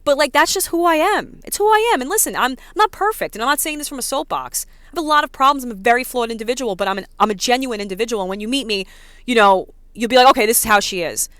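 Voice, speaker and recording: New york lady ranting on her vlog, says like a lot, smooth clear voice, dry sound. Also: fairly high pitch, expressive, fairly bright tone, dry recording. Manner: fast, filler-heavy talk with many "like"s and "you know"s. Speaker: vlogger. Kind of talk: casual rant to camera.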